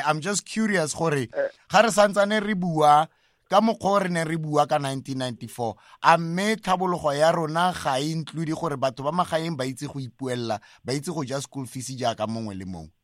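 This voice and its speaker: Male radio host, South African Setswana accent, fairly high voice, close dry studio sound, running a phone-in. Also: normal speed, a bit bright, no echo. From North West province, South Africa. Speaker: radio talk show host. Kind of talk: live phone-in discussion.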